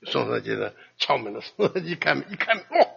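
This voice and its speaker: Male preacher, lively storytelling sermon, bright husky voice, muffled lo-fi recording. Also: medium pitch, quick pace. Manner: animated storytelling, acts out quotes with sudden loud outbursts.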